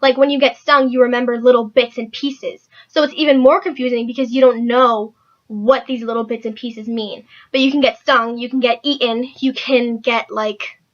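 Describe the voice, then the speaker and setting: A woman's voice: on the high side, fairly even intonation, moderate pace. Chatty young woman reviewing a book. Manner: chatty, rambling, lots of "like" fillers. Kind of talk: casual book review vlog. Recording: dull lo-fi recording.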